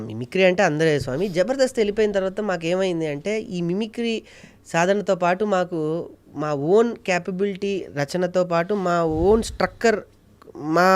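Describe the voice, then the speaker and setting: A man's voice: high voice, clear, resonant tone. A male mimicry artist and actor talking earnestly and politely in an interview. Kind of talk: casual interview.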